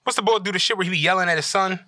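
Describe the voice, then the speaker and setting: A man's voice: sits high, racing, bright, forceful tone, no room sound, studio quality. A man telling a long, profane story in casual podcast chat.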